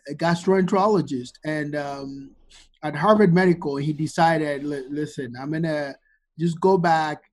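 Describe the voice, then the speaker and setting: A man's voice: fairly high pitch, a little mellow. A man, the guest on a podcast interview, telling his story at length with frequent ums and uhs. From Ghana. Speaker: guest, wine expert.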